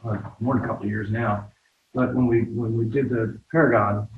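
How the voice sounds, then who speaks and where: A man's voice: on the low side, fairly even intonation, brisk, a little hiss or hum. A man chiming in at a business meeting, hesitant and full of ums. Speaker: meeting participant. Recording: phone-like, echoey room from far off.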